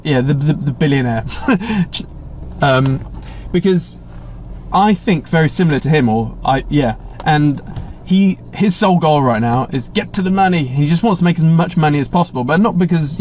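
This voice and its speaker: The host, an English man, speaks at normal speed in a fairly high, slightly mellow voice while reading viewer chat on a casual live stream. He's talkative and meandering, blunt in his asides, and keeps restarting sentences. Slight background noise sits under the muffled webcam audio.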